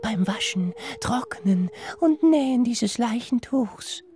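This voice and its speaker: A man voicing the ghostly washerwomen of the night in a storybook tale, pleading in a high, whispery, drawn-out voice. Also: animated, a little mellow, slight background noise, exaggerated voice. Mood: eerie pleading.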